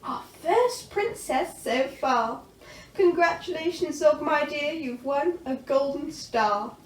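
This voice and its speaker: A woman voicing a grand, commanding female dragon schoolteacher from a storybook, with drawn-out, theatrical delivery. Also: high-pitched, lively intonation, voice pushed up. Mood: proud, delighted. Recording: roomy, distant mic, faint noise.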